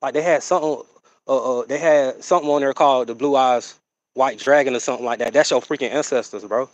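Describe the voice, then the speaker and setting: A man's voice: mid-range voice, no room sound, low-quality recording. Rambling man on a dry livestream. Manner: rambling, drawn-out, full of fillers and "you know what I'm saying". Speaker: livestream host. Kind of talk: casual livestream chat.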